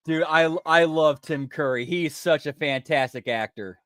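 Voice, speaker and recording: High-voiced man giving casual movie commentary. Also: measured pace, a bit bright, no echo, studio quality. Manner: informal, slangy, often says dude and pal. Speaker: film reaction host.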